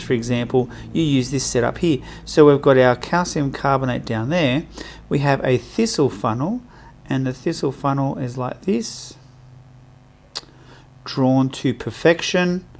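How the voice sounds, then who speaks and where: A male chemistry teacher talks students through a lab setup in a relaxed, conversational way. He fills pauses with "um" and "uh" and keeps asking his viewers questions. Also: mid-range voice. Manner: conversational teacher talk with fillers and rhetorical questions. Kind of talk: recorded lesson, explaining lab setup.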